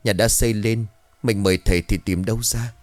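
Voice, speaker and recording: Man playing a village worker, anxious, fearful, worried hurried talk, low voice. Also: fairly even intonation, no room sound, lightly acted.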